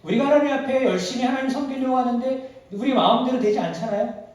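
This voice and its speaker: A male pastor preaching a sermon. He acts out the quoted voices dramatically and swings between loud and soft. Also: very high-pitched, quick pace. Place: prayer retreat hall. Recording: very echoey hall, mic at a distance.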